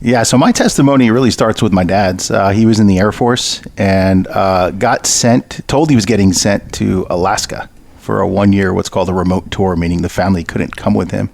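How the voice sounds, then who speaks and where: A man guesting on a podcast, telling his faith story earnestly with frequent pauses. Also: on the low side, vocal fry, darkish tone, a little hiss or hum. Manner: earnest, many fillers. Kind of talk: interview storytelling.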